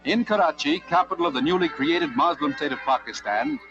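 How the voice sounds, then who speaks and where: A man's voice: on the high side, a little fast. A man narrating an old 1940s newsreel in a formal announcing manner. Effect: old newsreel soundtrack. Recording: muffled 1940s newsreel with music. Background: music.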